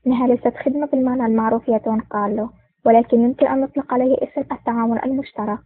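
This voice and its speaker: Brief: woman voicing a smooth-talking male spy, husky, fast, phone-line audio. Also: a little high, steady tone, no room sound, lightly acted. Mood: sly. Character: calm scheming male foreign agent. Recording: tinny phone-like dry recording.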